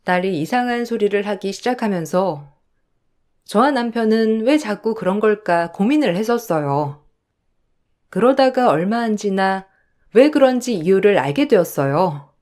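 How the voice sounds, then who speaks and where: A woman's voice: mid-range voice, animated, moderate pace, darkish tone. A woman narrating a true family story in the first person, in a confiding retelling.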